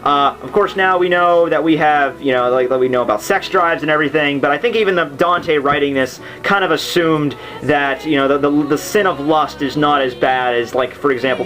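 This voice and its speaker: Background soundtrack music runs beneath this man's medium-pitched voice as he hosts a literature summary series. The audio is poor, and his unscripted explanation wanders, sprinkled with jokey side comments.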